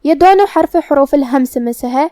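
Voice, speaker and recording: Brief: female recitation teacher, high voice, dry close sound, methodical and patient. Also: lively intonation, mellow, no echo. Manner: methodical step-by-step explanation with drawn-out recitation. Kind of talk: tajweed lesson, explaining then reciting slowly.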